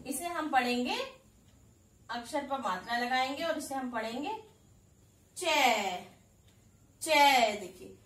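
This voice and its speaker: A woman teaching a kindergarten Hindi class online, slowly sounding out syllables, repeating them for the children, and asking and answering her own questions. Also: sits high, animated, a bit bright, recorded from a distance. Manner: addresses pupils as 'beta', asks and answers own questions. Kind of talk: recorded online class lesson. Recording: echoey room, voice a little off-mic.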